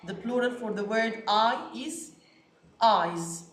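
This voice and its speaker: Very slow Egyptian woman teaching English. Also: on the high side, roomy sound. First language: Arabic. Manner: repeats each word slowly and stresses it. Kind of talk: slow classroom vocabulary lesson.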